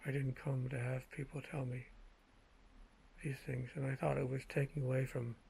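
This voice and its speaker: A man speaking in a measured, halting way with a gravelly, husky voice, telling personal anecdotes in a casual monologue. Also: mid-range voice, level tone, a little mellow, slight background noise, low-quality recording. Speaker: vlogger telling personal stories.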